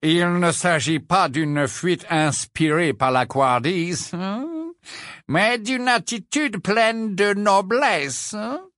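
A man's voice: sits high, animated, fairly bright tone, dry recording, clean studio sound, pitched above the performer's own voice, exaggerated voice. Man voicing Phineas, a sneering old wizard portrait. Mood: sarcastic. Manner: slow sarcastic drawl, mocking asides. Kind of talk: audiobook character voice.

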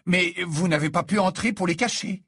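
Reader voicing a young wizard boy, pushy questions, slightly raised husky voice. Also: medium pitch, normal speed, a bit bright, voice pushed up. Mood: insistent. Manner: insistent questioning. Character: teenage boy wizard, pressing and curious.

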